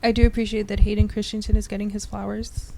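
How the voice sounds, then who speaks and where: A woman's voice: medium pitch, little pitch movement, quick pace, gravelly. A woman co-hosting a podcast in casual chat, matter-of-fact with short replies, on a noisy home podcast recording. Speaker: podcast co-host.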